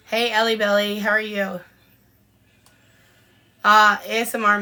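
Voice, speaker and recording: A woman co-hosts a podcast in a relaxed live-stream chat. She answers viewer comments one after another in a chatty way, with frequent ums and pauses between thoughts. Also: medium pitch. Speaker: podcast co-host.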